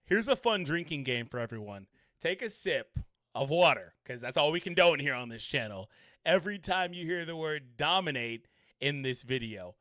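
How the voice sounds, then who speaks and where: A man's voice: a little high, lively intonation, normal speed, pushed and bright, no echo. A man hosting a casual sports commentary vlog, chatty with wry asides to his viewers.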